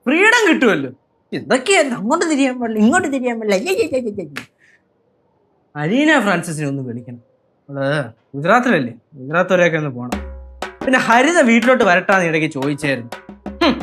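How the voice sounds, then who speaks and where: An actor playing a boastful, stubborn young husband in a TV sitcom, argumentative in manner. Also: male voice, heavily acted. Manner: boastful, argumentative, lively swings of pitch. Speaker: sitcom character. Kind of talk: TV sitcom acting.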